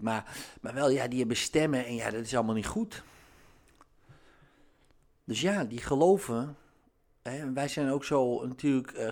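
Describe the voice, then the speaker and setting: Give me an animated man talking off the cuff, full of fillers, pitch jumping up when he gets excited. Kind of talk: casual monologue to camera.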